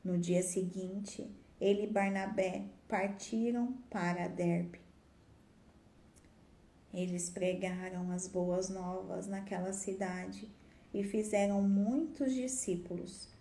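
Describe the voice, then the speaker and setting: A woman reading a Bible passage aloud in a measured, steady way. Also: medium pitch. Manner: measured, steady delivery with small slips. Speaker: scripture reader. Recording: roomy echo.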